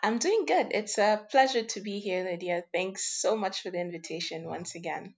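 A woman's voice: mid-range voice, normal speed, slightly rough. A woman from Senegal, giving conversational answers as an interview guest. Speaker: guest, women's investment organisation member.

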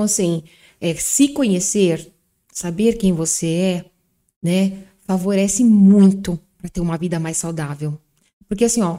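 Mellow-voiced woman explaining. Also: medium pitch. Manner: explanatory, uses rhetorical questions. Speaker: psychologist guest. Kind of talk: podcast interview.

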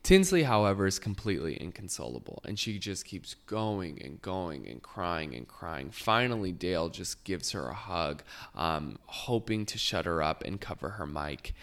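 Lowish voiced guy podcasting, snarky gossipy recap, super casual. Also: sing-song, moderate pace, hardly any pauses, a bit bright. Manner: sarcastic, gossipy storytelling. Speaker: podcast host.

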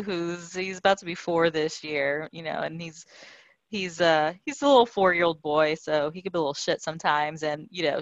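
A woman's voice: fairly low pitch, fairly bright tone, no echo. A woman co-hosting a podcast, telling a story in casual chat, chatty and laughing. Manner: chatty, laughing, mixes in Spanish quotes. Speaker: podcast co-host. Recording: dull dry lo-fi sound.

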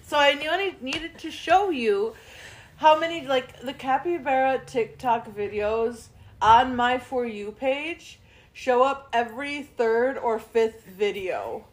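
A woman's voice: high-pitched, slow. A woman co-hosting a podcast in casual late-night chat, laughing often and swearing freely. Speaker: podcast co-host.

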